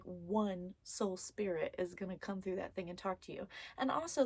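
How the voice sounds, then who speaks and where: In a casual vlog about a haunted doll, a woman reads stories and chats playfully with her audience and the items around her. She speaks at medium pitch, and there's no room sound.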